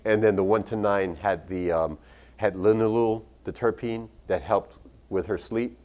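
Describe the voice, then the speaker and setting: Speaking at normal speed in a fairly low, steady voice with a darkish tone, a man shares patient stories at an expo. He's a doctor recommending medical cannabis, and his storytelling is frank, with casual profanity.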